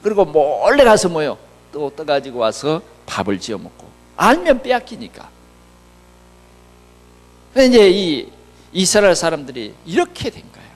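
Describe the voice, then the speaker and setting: A man's voice: fairly high pitch, sing-song, normal speed, pauses often, long reverb tail. A male pastor delivering a conversational sermon full of rhetorical questions to his congregation. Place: church sanctuary.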